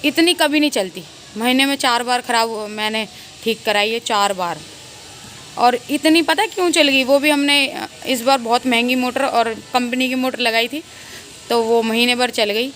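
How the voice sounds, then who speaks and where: A woman's voice: a little high, normal speed, a bit bright, slight background noise. A woman vlogging to her viewers outdoors, gloating and laughing often as she talks. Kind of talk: casual vlog monologue. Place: outdoors, open weather around.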